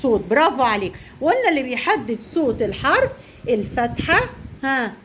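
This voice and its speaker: A woman's voice: high voice, sing-song, a little fast, a bit bright, slight background noise. A young woman teacher with an Egyptian accent, quizzing and praising small children while explaining to parents. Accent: Egyptian Arabic. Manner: encouraging, quizzing and praising pupils.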